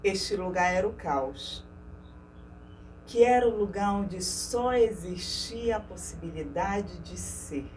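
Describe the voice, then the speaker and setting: Slow dramatic woman telling a creation myth. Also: medium pitch, animated. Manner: slow, dramatic, with hushed dips and swells. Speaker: storyteller. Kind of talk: mythological storytelling narration. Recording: distant mic with faint noise.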